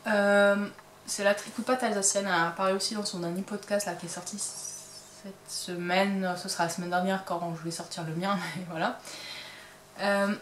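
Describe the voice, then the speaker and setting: A woman's voice: mid-range voice, steady tone, normal speed, echoey room. A woman talks casually about her crafts, hesitating often, in a mid-range voice. She sounds a little far from the mic in a resonant room, with a faint hum of ambience behind her. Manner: chatty, hesitant, many fillers. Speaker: crochet and knitting podcast host. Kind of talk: casual chat showing items to camera. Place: home craft workshop.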